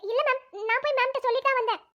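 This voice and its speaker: An anxious young female student in a cartoon, put on by a woman pleads and apologises. Her voice is shrill and very high. She talks fast and gets flustered. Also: little pitch movement, fairly bright tone, muffled recording. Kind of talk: cartoon voice acting.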